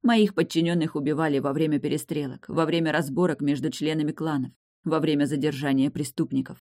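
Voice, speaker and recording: A woman's voice: deep voice, fairly even intonation, brisk, darkish tone, no room sound, lightly acted. A reader voicing a grieving, furious woman guard officer, in an audiobook with a dry sound. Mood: bitter. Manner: bitter, outraged outbursts. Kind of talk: audiobook dialogue reading.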